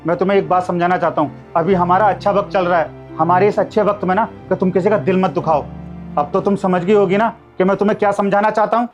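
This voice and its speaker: A man's voice: sits high, muffled recording, natural voice. A man playing a husband who lectures his wife about treating a guard with respect. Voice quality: lecturing, moralising. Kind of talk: amateur short-film acting.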